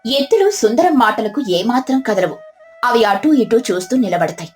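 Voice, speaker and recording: A woman narrating a scripted storybook cartoon in an even, descriptive way. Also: on the high side, moderate pace, faint music behind.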